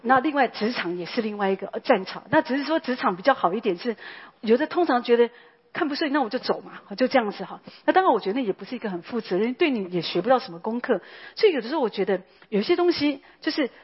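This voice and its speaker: A woman's voice: on the high side, animated, fast, breathy edge, lo-fi sound. A woman, a pastor's wife preaching a sermon in a chatty way, full of tag particles and fillers.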